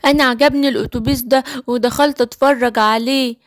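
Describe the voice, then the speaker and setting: A woman's voice: fairly even intonation, a little fast, no room sound, clean studio sound, natural voice. Simba, a frightened lion cub voiced by a woman. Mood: confused. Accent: Egyptian Arabic. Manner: high, childlike, easily frightened. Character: small scared young male lion cub. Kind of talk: storybook cartoon voice acting.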